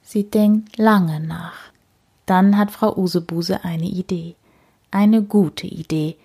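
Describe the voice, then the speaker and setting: A woman reading a children's story aloud, slow and expressive with deliberate repetition. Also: on the low side, slightly rough.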